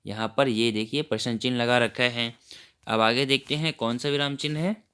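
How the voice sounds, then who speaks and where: A male teacher talks young children through a worksheet lesson, greeting them warmly and explaining each point step by step. His voice is smooth and clear, at an everyday middle pitch. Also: fairly even intonation, moderate pace.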